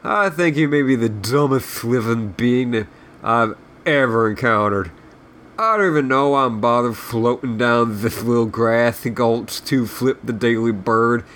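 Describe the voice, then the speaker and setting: Speaking unhurriedly in a natural, mid-range, slightly bright voice, a man plays a sprite guide who is surly and full of self-loathing. The comic read-aloud has him ramble with sarcasm and swear through his insults, his mood scornful and bitter, over a clearly noisy background.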